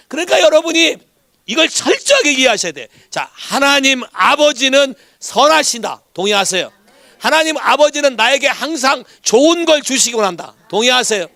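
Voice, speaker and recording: A man preaching a Sunday sermon as pastor, lively and animated, who keeps asking the congregation whether they agree and drops English words into his Korean. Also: very high-pitched, no room sound, studio quality. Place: church in Hawaii.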